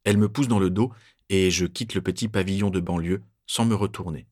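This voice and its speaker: A man reading a first-person story aloud in a measured, tense narrating voice. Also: low voice, a little mellow.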